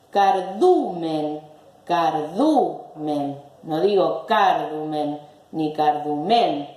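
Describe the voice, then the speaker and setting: A woman's voice: mid-range voice, dark tone, echoey room. A woman teacher giving a recorded language lesson, patiently repeating words syllable by syllable.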